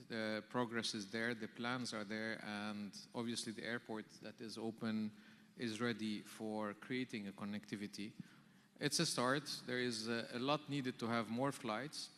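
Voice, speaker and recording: A man answering on a conference panel, steady with frequent fillers. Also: mid-range voice, normal speed. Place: large conference hall. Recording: reverberant conference hall.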